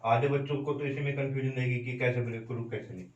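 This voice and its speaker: A male maths teacher works through a problem at an even, medium pitch, stopping again and again to ask his students what the result is. The sound is roomy and echoey, and he sounds some distance from the microphone, as if he is standing at a classroom board. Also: quick pace, muffled recording. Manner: steady step-by-step explaining, repeated check-in questions to students. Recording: roomy echo, voice from off mic.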